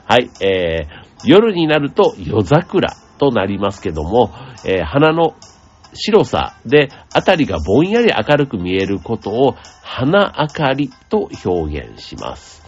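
A man hosting a radio show, explaining things in a gentle, chatty way with many asides and fillers. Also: lowish voice, husky, dull audio. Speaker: radio host. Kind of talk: casual explanatory radio talk.

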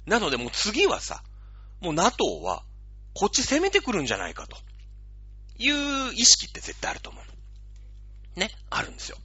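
Animated man on a dull lo-fi recording. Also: high-pitched, moderate pace, pauses often, slightly rough, no room sound. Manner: animated, explains with playful analogies. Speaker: radio show host. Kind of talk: casual explanatory talk.

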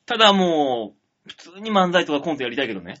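A man from the Tokyo area hosting a radio talk show, trading rough, teasing jokes with his co-host in casual comedic banter. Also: a little high, very animated, fast, fairly bright tone, muffled recording.

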